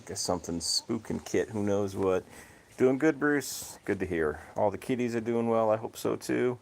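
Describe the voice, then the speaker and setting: Laid-back low-voiced man chatting to viewers. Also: normal speed, creaky, a little hiss or hum. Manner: relaxed, chatting to viewers, says his voice is monotone. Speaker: livestream host. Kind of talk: casual livestream chat. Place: home, cats outdoors.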